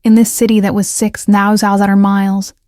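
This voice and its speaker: Flat, mellow female story narrator. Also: mid-range voice, normal speed, dry recording. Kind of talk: scripted first-person romance narration.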